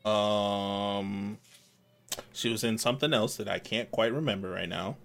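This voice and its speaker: A man co-hosting a casual podcast, talking in a relaxed, drawn-out way with many pauses. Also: on the low side, vocal fry, a little hiss or hum. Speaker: podcast co-host. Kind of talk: casual chat.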